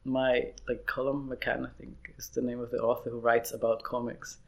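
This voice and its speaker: In this casual interview, a young illustrator from Austria rambles along at normal speed, frequently starting over. His mid-range voice is creaky and monotone, and he's quick to laugh.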